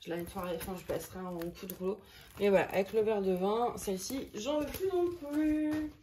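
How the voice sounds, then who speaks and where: A woman's voice: mid-range voice, fairly quick, mellow, a little hiss or hum. A woman chatting casually to her viewers while sorting craft canvases, thinking aloud and joking at her own expense. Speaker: crafting vlogger. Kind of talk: casual chat. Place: at home.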